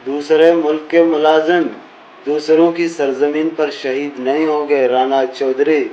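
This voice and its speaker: A man's voice: high-pitched, measured pace. A man playing a defiant prisoner. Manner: defiant, talks back. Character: defiant male prisoner under interrogation. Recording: echoey, dull, faint noise.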